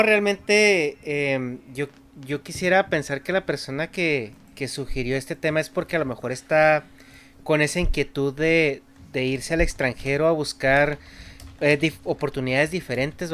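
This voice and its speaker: A man talking casually on a podcast, relaxed and joking. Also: fairly high pitch, normal speed, slight background noise. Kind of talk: casual chat.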